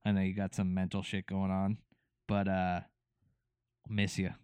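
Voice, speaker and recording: A man's voice: low-pitched, monotone, unhurried, darkish tone, clear, resonant tone, no room sound. A man co-hosting a podcast, chatting casually about a TV show with lots of fillers and restarts. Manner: rambling, many fillers and restarts. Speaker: podcast co-host. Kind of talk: casual chat recapping a TV show.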